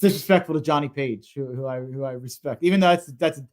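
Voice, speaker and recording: A man co-hosting a live sports stream who talks in a rambling, animated way and says "like" a lot. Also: medium pitch, quick pace. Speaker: co-host. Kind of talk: casual sports chat.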